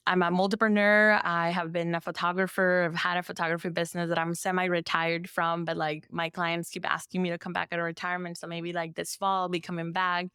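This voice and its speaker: A woman's voice: on the low side, flat delivery, a little fast, hardly any pauses, fairly bright tone, clear, resonant tone, no room sound, clean studio sound. A woman from El Salvador, a therapist and business owner, chatting as a podcast guest and filling her talk with "like" and "you know.". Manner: chatty, filler-heavy with frequent "like". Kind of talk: casual interview conversation.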